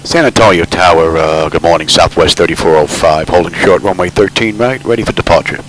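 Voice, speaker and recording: A man's voice: low voice, brisk, poor audio. A man giving casual flight simulator commentary, mixed with pilot radio phraseology and procedural callouts. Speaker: flight simulator streamer playing airline pilot. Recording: loud cockpit and engine noise. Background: simulated airliner cockpit drone.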